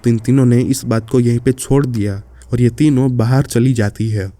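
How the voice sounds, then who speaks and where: A man's voice: mid-range voice, fairly even intonation, normal speed, dark tone. A man narrating a horror story in a casual way, speaking directly to the listener.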